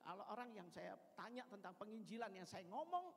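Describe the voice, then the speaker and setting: A woman preaching a sermon in a church, telling a story animatedly and acting out the dialogue with sudden loud exclamations. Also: mid-range voice, expressive, brisk. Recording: reverberant church hall.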